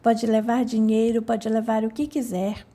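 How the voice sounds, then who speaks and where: A scared old woman who talks back sharply in an audiobook, as a woman reader plays her. The voice is fairly high and warm, pushing out quick, threatening words. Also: flat delivery. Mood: defiant. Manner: panicked, defiant. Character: frightened, defiant old woman.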